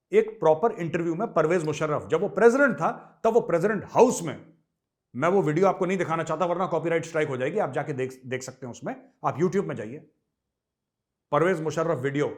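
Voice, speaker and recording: A middle-aged man from India hosting a political commentary show, talking emphatically and with scorn, full of rhetorical questions. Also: on the high side. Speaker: host.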